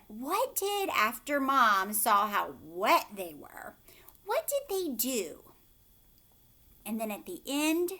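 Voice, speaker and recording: Speaking at a medium pitch, a woman reads a picture book to young children in a teacher's expressive style. She draws out words and slips into hushed asides where she asks her listeners questions.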